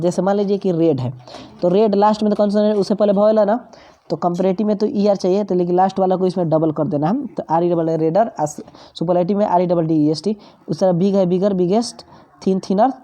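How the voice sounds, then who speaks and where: Soft-toned woman teaching grammar. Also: on the low side, highs cut off. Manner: patient, step-by-step, repeats examples. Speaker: English teacher. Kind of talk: grammar lesson explanation.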